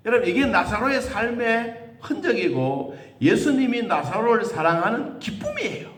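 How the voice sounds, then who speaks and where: Animated male pastor in an echoey church. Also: normal speed. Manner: animated, with sudden high jumps in pitch and rhetorical questions; acts out quoted voices within the sermon. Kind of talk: sermon. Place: church sanctuary.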